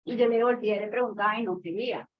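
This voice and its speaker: A woman's voice: medium pitch, fast talker. A mother, telling a long story about her child and asking a question in casual talk, with many fillers. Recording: dull lo-fi audio with faint noise.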